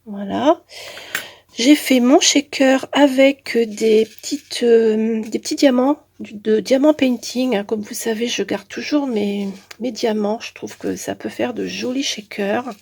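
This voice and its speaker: A woman hosts a casual craft showcase in a fairly high voice. It is husky and nasal, stuffed up by a head cold. She narrates informally, piece by piece. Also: measured pace, a little mellow. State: has a head cold with blocked nose. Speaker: craft channel host.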